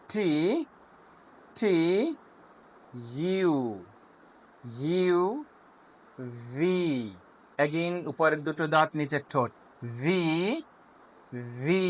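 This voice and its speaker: A man teaching English pronunciation, slowly drilling each letter sound several times over. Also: a little high, fairly bright tone, rough recording. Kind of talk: instructional lesson, drilling sounds.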